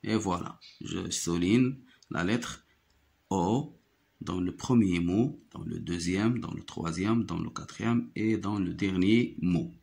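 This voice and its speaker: Slow, deliberate male phonics teacher. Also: low-pitched, creaky, darkish tone. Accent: Moroccan French. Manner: slow, deliberate, repeats each word twice. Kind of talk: slow phonics lesson for children.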